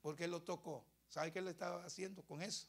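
A man's voice: high voice, fairly even intonation, a little fast, a little hiss or hum. A Costa Rican male pastor giving a dramatic, emphatic sermon and asking questions of his congregation. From Costa Rica.

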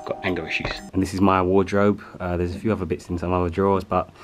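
A man's voice: sits low, flat delivery, quick pace, over music. A man giving a casual, chatty tour of his house, moving from room to room and joking as he goes. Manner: chatty, laid-back, jokey asides.

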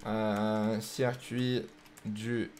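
A man's voice: fairly low pitch, flat delivery, extremely slow, a little mellow, slight background noise. A young man streaming live, chatting casually with his viewers and joking while he sets up racing games. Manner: joking, chatty, thinks aloud while setting up races. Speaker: streamer hosting a racing game night.

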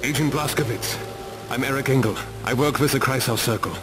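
An actor playing a friendly but hurried resistance fighter in a video game. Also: male voice, mid-range voice, noisy background, lightly acted. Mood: urgent. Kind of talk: game dialogue.

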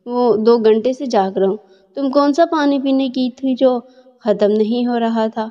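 A woman narrator lightly acts out a gruff, stern, suspicious middle-aged husband who is accusing someone. Her voice sits fairly high and soft, and the muffled lo-fi recording has a long reverb tail.

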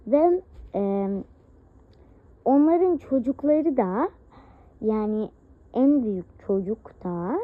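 A woman's voice: a little high, expressive, slow pace, long pauses. A woman, the creator of a game role-play channel, explaining the video to viewers in a casual, hesitant way with many fillers. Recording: dull lo-fi recording.

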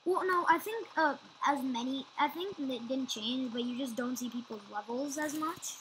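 Woman co-host, fairly high voice, loose gameplay chatter with slight background noise. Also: a bit bright, poor audio. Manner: chatty, quick to agree, trails off mid-sentence. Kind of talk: casual gameplay chat. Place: at home playing on a computer.

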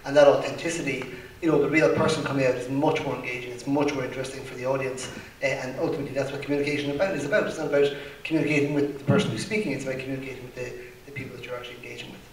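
A male bank executive talks quickly and loosely on a panel, leaning on "you know" and "kind of". His voice is roomy and slightly distant, picked up from across a hall. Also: medium pitch, a little hiss or hum. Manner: relaxed, anecdotal, heavy use of "you know" and "kind of". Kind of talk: conference panel answer.

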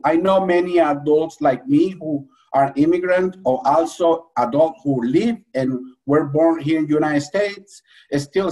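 A man's voice: on the high side, darkish tone, recorded from a distance, poor audio. Earnest Honduran-accented man on a webcam. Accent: Honduran Spanish. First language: Spanish. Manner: earnest, halting with restarts and fillers. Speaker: adult educator and speaker. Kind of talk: prepared personal talk at an online briefing. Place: small room at home. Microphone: video call webcam.

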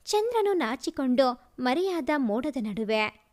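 High, lively woman storyteller. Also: takes it slowly. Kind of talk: scripted story narration.

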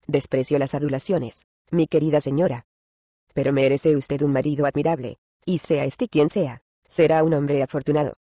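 A man doing a sly smooth-talking traveller. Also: a little high, steady tone, moderate pace, warm tone, no echo, dull audio, close to an everyday voice. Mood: flattering. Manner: coaxing and mysterious.

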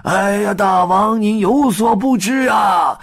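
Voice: medium pitch, slow, voice pushed up. A storyteller voicing a fawning old male monkey chancellor who wails and pleads. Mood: lamenting. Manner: wailing, pleading.

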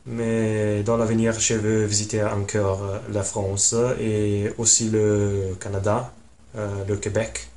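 A young Italian man in his 20s introduces himself casually from a small room at home, speaking as a language learner. His fairly low voice is slow and flat, halting with many pauses and fillers.

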